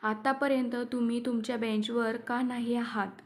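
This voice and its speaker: A woman's voice: on the high side, flat delivery, normal speed, lightly acted. A woman voicing a strict teacher who lectures her class in a stern tone.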